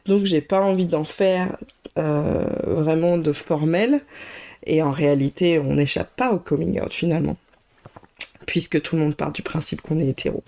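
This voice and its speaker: Woman, podcast host, personal storytime monologue, slightly gravelly, mellow dark tone, hesitant and reflective. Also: low voice, steady tone, moderate pace. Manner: reflective, hesitant, with frequent filler sounds.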